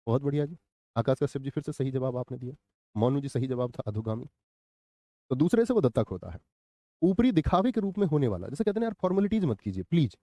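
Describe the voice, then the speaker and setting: A man's voice: medium pitch, warm tone, no echo. A man teaching a live online grammar class who asks the viewers questions and repeats the answers.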